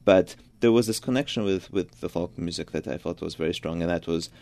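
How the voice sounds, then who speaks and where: In a radio interview, a young Georgian pianist and composer whose native tongue is Georgian answers questions thoughtfully, often starting his sentences over. His low voice is brisk, creaky, and a little mellow.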